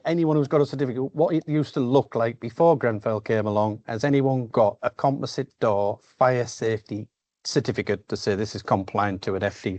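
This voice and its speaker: A man's voice: lowish voice, darkish tone, dry recording. A man talking bluntly and informally in a meeting held over a video call. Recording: slightly dull video call audio.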